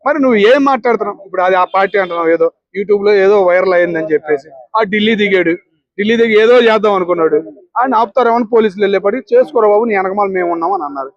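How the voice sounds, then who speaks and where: A man, answering a street interview with combative, rapid-fire rhetorical questions. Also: high-pitched, no room sound, dull audio.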